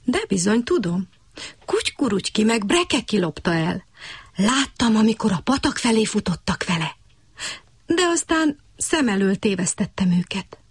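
A clever butterfly from a radio bedtime story, voiced by a woman. It talks briskly and matter-of-factly, with plenty of melodic movement. The voice is breathy and dry. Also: mid-range voice, big pitch swings, no echo. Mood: confident.

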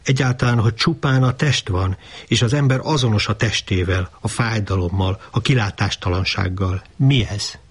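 A man reading his own novel aloud in a measured, wry narrating voice. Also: fairly low pitch, slightly rough. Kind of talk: audiobook reading.

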